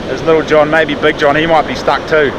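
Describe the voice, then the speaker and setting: A man with a broad Kiwi accent and a slightly high-set voice chats casually to his vlog in a matter-of-fact, slangy, mildly sweary way. He is recorded outdoors, with clear background noise from the surroundings and vehicles. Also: little pitch movement, brisk. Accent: broad New Zealand. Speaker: vlogger. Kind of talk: casual running vlog commentary. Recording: noisy outdoor audio with vehicle sounds.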